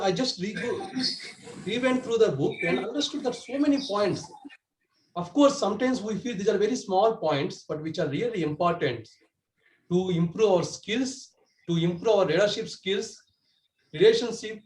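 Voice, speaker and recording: A man's voice: high-pitched, a little mellow, echoey room, poor audio. A man giving a prepared club speech over a video call, earnest and correcting himself as he goes. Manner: earnest, with restarts and self-corrections. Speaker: club speaker.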